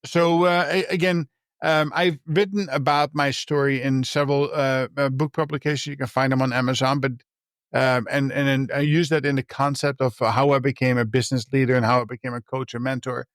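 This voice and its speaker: A Dutch leadership coach and mentor, guesting on a podcast, tells reflective personal stories in an earnest, halting way with frequent restarts. His medium-pitched voice is delivered flatly, recorded dry with no echo.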